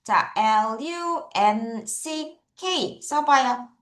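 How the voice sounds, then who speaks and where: A woman's voice: fairly high pitch, animated, drawn-out words, a bit bright. A woman teaching an online English lesson, coaxing students to repeat words after her. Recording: echoey room.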